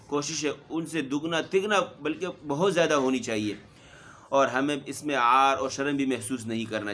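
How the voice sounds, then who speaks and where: A middle-aged man teaching Quran recitation, explaining steadily and then sounding out single letters loudly again and again. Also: medium pitch. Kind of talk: spoken Quran pronunciation lesson.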